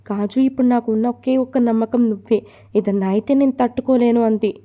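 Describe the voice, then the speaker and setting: A woman's voice: fairly high pitch, steady tone, fast talker, phone-quality sound, natural voice. A woman voicing an upset young woman who protests against a forced marriage. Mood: pleading. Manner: protesting, pleading.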